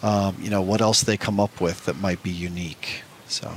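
A man with a fairly low voice chats as co-host of a collectibles show. His delivery is casual, bantering talk, recorded with faint noise in the background. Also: steady tone, normal speed. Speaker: co-host of a trading card show.

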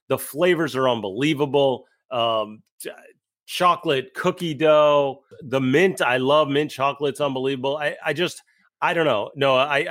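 This thirtysomething co-host of a sports podcast has a mid-range, fairly bright voice. His talk is loose and casual, full of stammered restarts and the odd joke, and he also delivers a host-read ad.

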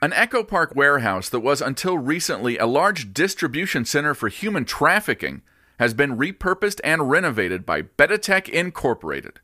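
A man playing an earnest, polished public-radio news host in a post-apocalyptic comedy, with deadpan delivery. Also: fairly high pitch, moderate pace, faint music behind, heavily acted.

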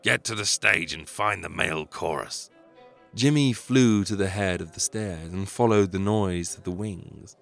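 Low, gravelly male narrator, measured dramatic storytelling, faint music under.

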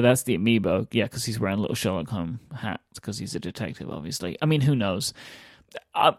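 A man's voice: mid-range voice, dry recording, clean studio sound. A man co-hosting a podcast in casual chat, rambling and amused, with lots of fillers. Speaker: podcast co-host.

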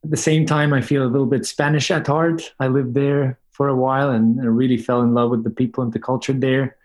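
A Swiss company co-founder, appearing as a podcast guest, gives conversational interview answers in a methodical, explanatory way. His mid-range voice is brisk and a little mellow, with little pitch movement.

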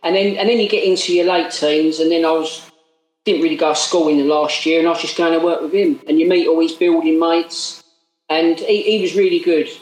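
A man's voice: a little high, fairly even intonation, fairly quick. A man in his late thirties with an Essex accent, chatting casually as a podcast guest in a matey, working-class way. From Essex, England. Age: late 30s. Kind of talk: casual chat. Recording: roomy, echoey sound.

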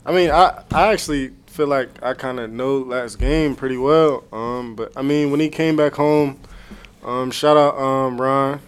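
A young man co-hosts a laid-back sports interview, his voice at a middle pitch. He rambles easily, leaning on fillers as he builds up his questions. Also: a little slow, smooth. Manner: easygoing, rambling with many fillers. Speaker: podcast co-host. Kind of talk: casual interview.

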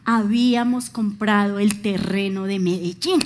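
A Colombian woman preaching a sermon as a pastor, telling animated stories and acting out the voices she quotes. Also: mid-range voice, a little slow.

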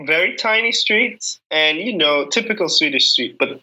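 Bright-voiced enthusiastic co-host. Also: mid-range voice, expressive, normal speed, rough recording. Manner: enthusiastic, laughs often. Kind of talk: casual chat.

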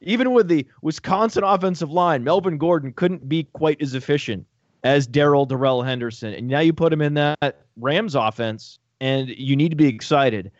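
A somewhat high-voiced man rattles on about fantasy football in an excitable, joking way, tossing in profane asides. His audio is dull and lo-fi. The sound is close and dry, with no room around it. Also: normal speed, no echo. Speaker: fantasy football podcast panelist. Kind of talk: casual sports podcast chat.

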